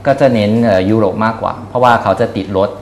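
A man in his thirties speaks with a fairly low voice, answering as an interview guest. He is hesitant and breaks his sentences with fillers and repeats. Some room noise sits behind him. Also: fairly even intonation, vocal fry, roomy sound. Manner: hesitant, frequent filler pauses and repeated words. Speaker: company executive being interviewed. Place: small indoor showroom office. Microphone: lapel mic.

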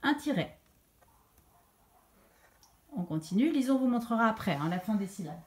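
A woman teacher giving a slow dictation lesson to young children, repeating each syllable clearly with emphasis. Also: a little high, expressive, a little mellow. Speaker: primary school teacher.

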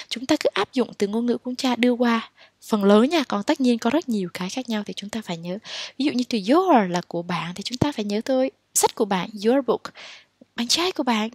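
A woman from Vietnam teaching English in a casual online lesson, explaining in Vietnamese and reading English phrases slowly. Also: on the high side, a little mellow, no room sound.

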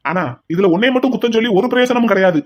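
A man's voice: very high-pitched, very fast. A man voicing a blunt grown son in a cartoon who scolds his younger brother. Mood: scolding. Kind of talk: cartoon voice acting.

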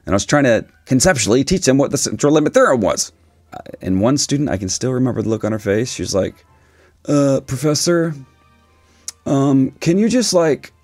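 A man in his forties with a raspy voice, giving a casual, opinionated explainer with dry humour. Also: fairly low pitch, darkish tone, dry recording. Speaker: video host, statistics teacher. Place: small dim indoor room, seated.

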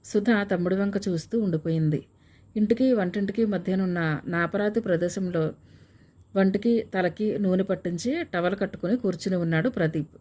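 A woman narrating a story in a calm, steady reading voice. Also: mid-range voice, normal speed. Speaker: audiobook narrator.

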